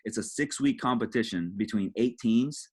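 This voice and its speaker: A man, a high school football coach, giving a conversational clinic presentation to other coaches, often checking in with "right?" and repeating "again". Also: normal speed, darkish tone, breathy edge.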